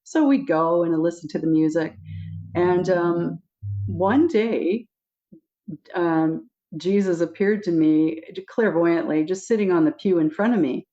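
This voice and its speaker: Giggly woman recounting visions, lo-fi sound. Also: measured pace. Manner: giggly, animated, acts out quotes with high squeaky voice. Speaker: guest. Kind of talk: casual spiritual storytelling. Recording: dull lo-fi audio.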